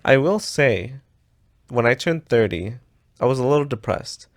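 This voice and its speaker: A man's voice: medium pitch, animated, measured pace, no echo, clean studio sound. A man in his thirties from the US co-hosting a podcast, chatting in an easygoing way and laughing easily. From United States. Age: 30s. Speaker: podcast co-host. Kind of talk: casual chat.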